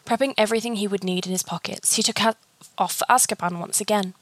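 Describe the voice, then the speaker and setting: A woman reading a fan fiction story aloud, steady and even. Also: medium pitch, fast talker, no echo.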